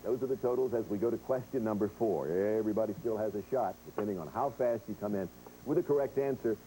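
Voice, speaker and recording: A man's voice: fairly low pitch, fast talker, warm tone, slight background noise, low-quality recording. A man hosting a game show, chatting directly to players and viewers as he explains rules and reads quiz questions. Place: television studio.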